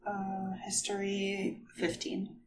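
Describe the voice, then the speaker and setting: A woman's voice: mid-range voice, monotone, slow, a little hiss or hum, rough recording. A woman chatting casually as a player in a tabletop role-playing game.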